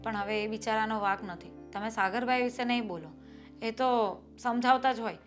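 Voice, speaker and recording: An actress playing a patient, worried wife and elder sister-in-law who reasons calmly about family troubles. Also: female voice, a little high, normal speed, soft background music, natural voice. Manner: calm, reasoning, then pushing back. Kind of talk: family drama acting.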